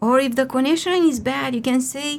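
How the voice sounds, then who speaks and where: A woman's voice: sits high, extremely slow, vocal fry. A woman teaching polite phone on a radio lesson, patiently repeating phrases and checking that listeners follow. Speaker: English teacher co-host. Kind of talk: slow, clear phone-English lesson.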